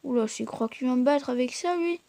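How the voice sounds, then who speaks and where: Brief: high-pitched woman host, casual gameplay commentary, hesitant and filler-heavy, talks straight to viewers. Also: brisk, gravelly, mellow, slight background noise. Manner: hesitant, full of fillers and restarts; chatty, addresses viewers directly. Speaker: gaming channel host.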